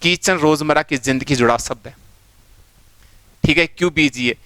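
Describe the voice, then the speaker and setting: A man's voice: on the high side, normal speed, fairly bright tone, dry recording. A male teacher giving a step-by-step phonetics lesson, repeating sounds and often asking students to pay attention. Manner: repetitive, explains step by step, keeps urging attention.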